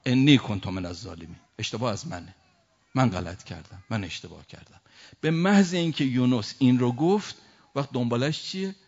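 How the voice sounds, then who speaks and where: A man preaching a religious sermon, reciting Arabic verses slowly and then explaining them with rising emotion. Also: medium pitch, sing-song, a little mellow. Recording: dull lo-fi recording.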